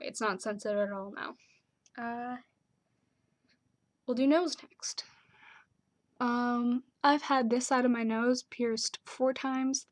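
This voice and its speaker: A young woman chatting casually to her camera, with lots of "like" and "um" fillers. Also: on the high side. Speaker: vlogger.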